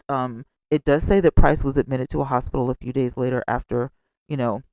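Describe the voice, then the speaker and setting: A man hosting a gossip vlog with casual, expressive commentary and chatty asides, speaking close to the microphone. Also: on the high side, clear, resonant tone, no echo, low-quality recording. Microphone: close microphone without a cover.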